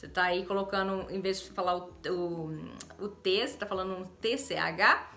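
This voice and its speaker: Cheerful Brazilian woman teaching, bright voice. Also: lowish voice, soft background music. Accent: Brazilian Portuguese. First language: Portuguese. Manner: cheerful, laughs often, slow drilled English examples. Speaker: English teacher. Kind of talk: casual online lesson.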